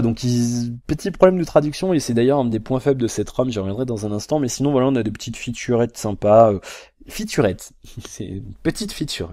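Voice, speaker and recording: Sitting at home, a man reviews a phone for his tech channel in a halting, rambling way, filling gaps with fillers and restarting often. His medium-pitched voice has a dark tone. Though it's captured by the built-in mic of a camera propped on a box, the audio sounds studio quality without echo.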